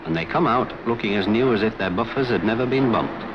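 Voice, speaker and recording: A man's voice: fairly low pitch, lively intonation, a little fast, very noisy. A man narrating a scripted 1950s documentary as a railway official, in a conversational, wry storytelling way. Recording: dull 1950s film soundtrack with music.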